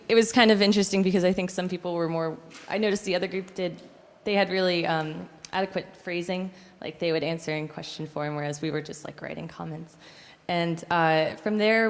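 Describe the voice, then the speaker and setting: Hesitant young woman, slightly low voice. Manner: hesitant, with many hedging fillers. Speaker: student panelist. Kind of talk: informal panel answer. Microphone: handheld microphone. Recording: long hall reverb.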